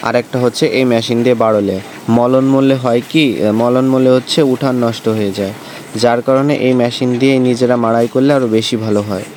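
A man's voice: medium pitch, fairly even intonation, a little fast, darkish tone, a little hiss or hum. A young man from a Bengali village vlogging in simple, teacherly talk, asking viewers questions and answering them himself. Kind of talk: casual explainer vlog to viewers. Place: outdoors in a village farmyard.

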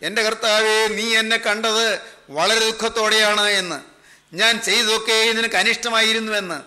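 A man's voice: high voice, flat delivery, normal speed, bright, forceful tone. A man preaching a sermon, speaking earnestly in repeated prayer-like refrains.

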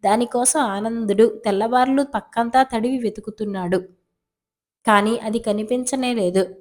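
A woman narrating folk tales from a children's story magazine in a steady, scripted reading. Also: on the high side, normal speed.

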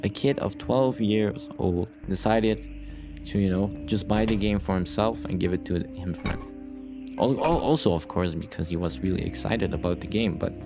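Music accompanies this gaming YouTuber as he hosts a let's play in a lowish voice at an ordinary pace. His commentary is laid-back and playful, rambling and looping back on his own phrases, since he hasn't slept much.

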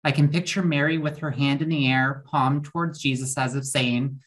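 Lay preacher, mid-pitched, conversational sermon full of questions. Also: fairly even intonation, moderate pace, fairly bright tone. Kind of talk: sermon reflection.

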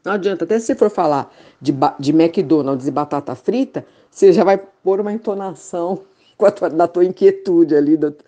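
Low-voiced woman, halting and confessional. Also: mellow. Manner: halting, many fillers and restarts. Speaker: conversation partner in spiritual talk. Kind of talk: casual reflective conversation.

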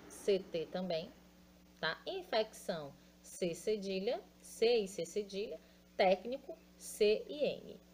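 Slow, patient Brazilian teacher woman. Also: medium pitch, slight background noise. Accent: Brazilian Portuguese. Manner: slow, patient, spells out letters and repeats words syllable by syllable; affectionate with pupils. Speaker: primary school teacher. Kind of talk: recorded grammar lesson for children.

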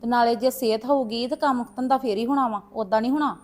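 A woman's voice: a little high, fast talker, a little mellow, soft background music, natural voice. A woman playing a motherly, advising mother. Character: caring mother on the phone with her son. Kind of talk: web series drama acting.

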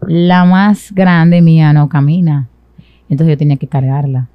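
Seated on a sofa in a small studio set, a young Dominican woman shares her own story as an interview guest, speaking into a close boom-arm microphone with her Dominican accent. She has a low-pitched voice, fairly even intonation, and a measured pace; the recording is dry and lo-fi.

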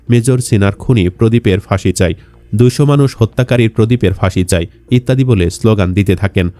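A man's voice: on the low side, mellow. A man reading scripted news narration for an online channel.

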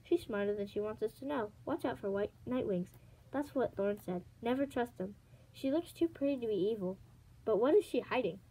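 A woman's voice: fairly high pitch, expressive, normal speed, dark tone, breathy edge, low-quality recording. Kibble, a teasing young male dragon, read by a woman. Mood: wary. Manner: teasing, breezy.

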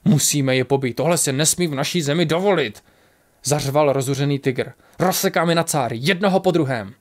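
A man voicing a grieving, furious male tiger warrior who shouts with passion in a storybook. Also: fairly high pitch, fairly even intonation, close to an everyday voice. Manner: shouting, impassioned.

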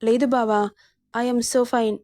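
A coaxing, sulky young wife, as a woman narrator puts her on, pleading softly with her husband. The voice sits fairly high, and the recording is dry and close, with no room sound. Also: flat delivery, slow pace, dry recording. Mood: worried.

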